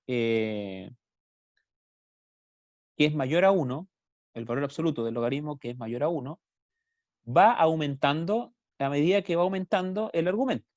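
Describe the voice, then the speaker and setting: A man's voice: fairly high pitch, darkish tone, no room sound. A man with a Chilean Spanish accent teaching a math class on a video call, explaining step by step and asking students questions. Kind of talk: online class lecture.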